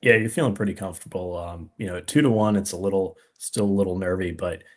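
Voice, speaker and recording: A man co-hosting a casual soccer podcast, giving measured analysis with frequent "you know" and "um" fillers. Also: deep voice. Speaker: podcast co-host. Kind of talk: casual sports analysis chat.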